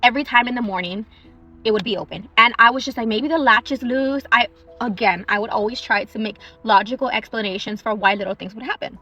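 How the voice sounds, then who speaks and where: A young woman in a parked car telling a true story in a chatty, animated way, eating on her lunch break. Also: medium pitch, fast talker, dull audio, soft background music. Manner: chatty and animated, eating while she talks. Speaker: social media storyteller.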